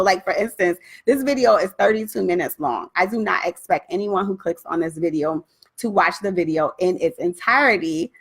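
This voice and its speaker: A woman speaks with a Brooklyn accent in a husky, medium-pitched voice. She sounds like a coach on a casual live stream, chatting informally and addressing her viewers directly. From Brooklyn, New York. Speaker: writing coach hosting a live session.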